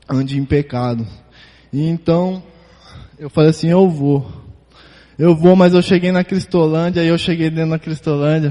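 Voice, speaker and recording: A man with a Brazilian Portuguese accent giving an emotional church testimony, halting and repeating words as he speaks. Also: fairly high pitch, warm tone, in a large hall.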